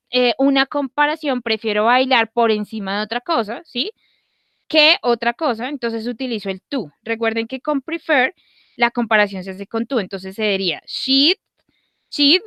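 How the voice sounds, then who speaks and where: Female online English teacher, fairly high voice, dry sound, keeps checking in with students, slows down for examples. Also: fairly bright tone, clear, resonant tone, dry recording. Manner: checks in often with short questions, slows down to read example sentences. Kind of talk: online grammar lesson.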